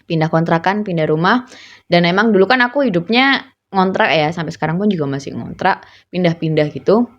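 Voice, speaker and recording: A woman co-hosting a podcast, chatting casually and acting out the voices of people she quotes with big jumps in pitch. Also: expressive, brisk. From East Java. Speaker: podcast co-host. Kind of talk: casual storytelling chat. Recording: slightly muffled lo-fi audio.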